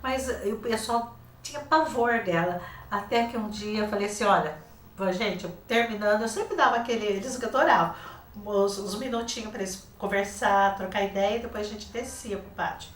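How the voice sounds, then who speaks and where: Recorded far from the mic in a TV studio, an older teacher with a Brazilian Portuguese accent, there as a guest author, shares classroom stories and lively acts out the dialogue. She speaks at a moderate pace and medium pitch. Slight background noise and a roomy, off-mic quality are present.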